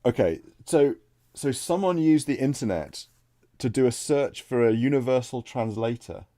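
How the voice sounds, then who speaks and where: A man streaming a text adventure, reading the game text aloud and thinking out loud between passages. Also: mid-range voice, animated, moderate pace, no echo, clean studio sound. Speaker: let's play streamer.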